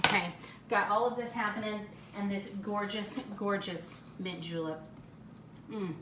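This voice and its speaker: A woman's voice: mid-range voice, a little slow, a bit bright, roomy sound, slight background noise, low-quality recording. Gushing woman hosting a kitchen cooking show. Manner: gushing, enthusiastic food descriptions. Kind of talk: casual cooking demo. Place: home kitchen.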